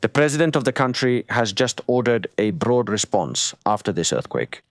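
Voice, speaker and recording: A man's voice: medium pitch, big pitch swings, moderate pace, noisy background. A man hosting a live stream, delivering breaking news commentary in an explanatory way, repeating points for emphasis.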